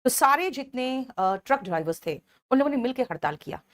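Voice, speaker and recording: Lively Hindi-speaking woman teacher, very animated. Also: high-pitched. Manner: animated, addresses students as "beta", slows right down to dictate English definitions. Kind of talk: exam-prep vocabulary lesson.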